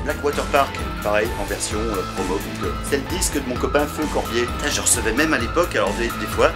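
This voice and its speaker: Man, casual vlog, swearing, self-mocking, animated intonation, background music. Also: medium pitch. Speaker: YouTuber. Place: cluttered apartment, clearing a closet.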